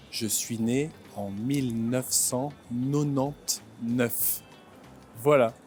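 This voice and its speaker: A man in his twenties from France, hosting a vlog and explaining things simply, with slow, clear speech that repeats and rephrases. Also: medium pitch, a little mellow. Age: 20s. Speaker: vlog host and French teacher. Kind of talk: slow comprehensible-input vlog narration. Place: outdoors in a city.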